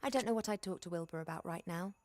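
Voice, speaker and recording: A woman playing a dry, self-possessed adventurer in a game, musing aloud in a wry, measured way. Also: fairly low pitch, a little mellow, slight background noise, natural voice. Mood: reluctant musing. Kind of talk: acted adventure game dialogue.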